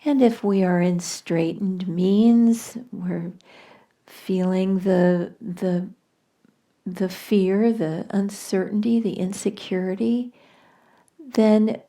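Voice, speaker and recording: Woman spiritual teacher, slow and mellow, gentle storytelling, keeps slipping into a soft near-whisper. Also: mid-range voice, fairly even intonation. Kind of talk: reflective spiritual talk with storytelling.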